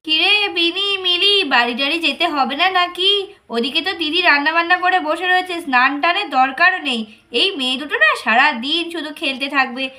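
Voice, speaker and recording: A woman hosting a doll play story for young children, greeting viewers and voicing a fussing aunt in a lively, scolding tone. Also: high-pitched, a little fast. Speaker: storyteller host.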